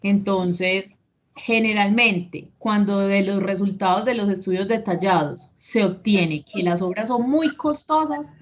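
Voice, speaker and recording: A woman's voice: mid-range voice, unhurried. A woman, an instructor explaining a lesson in an online class and checking that her students follow. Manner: explanatory, checks understanding with questions. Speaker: instructor of a risk management course. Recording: dull lo-fi online call audio with faint noise.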